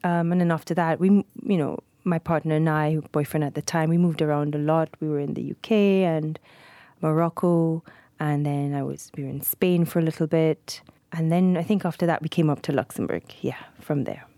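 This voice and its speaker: A woman, answering interview questions in a relaxed, chatty way with many fillers. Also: low voice, brisk, no echo. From Trinidad. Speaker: guest.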